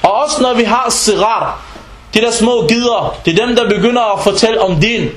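Male preacher, very high voice, informal lecture, echoing room sound. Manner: animated, mixes in Arabic phrases and recitation.

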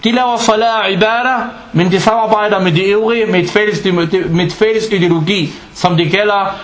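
High-pitched guy preaching, quizzing the crowd, sounds roomy and echoey. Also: fairly bright tone. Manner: explains Danish, quotes Arabic scripture fast, asks the listeners questions. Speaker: Islamic preacher. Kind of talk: religious lecture.

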